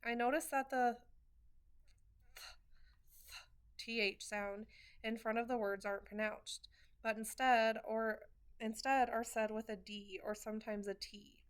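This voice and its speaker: A woman's voice: fairly high pitch, fairly even intonation, measured pace, long pauses, clean tone. A woman reading a first-person novel chapter aloud, in an earnest way with wry asides and small restarts. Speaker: reader of a novel.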